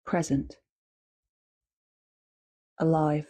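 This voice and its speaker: A woman with a low-sitting voice guides a meditation as a teacher. She speaks calmly in short, measured phrases separated by long pauses.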